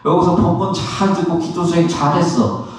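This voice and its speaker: A Korean Buddhist monk giving a lively dharma talk to an audience. He acts out everyday complaints and asks the listeners questions. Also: on the high side, moderate pace. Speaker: Buddhist monk, temple abbot. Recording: very echoey, from far off.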